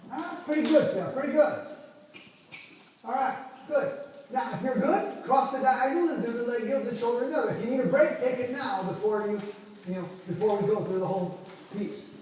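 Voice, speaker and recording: A man's voice: very high voice, fairly quick, darkish tone. A man coaching a horse riding lesson, calling out short encouraging instructions and counts, recorded from a distance in a large indoor arena. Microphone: distant camera at the arena edge. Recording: echoey hall from far off, faint noise.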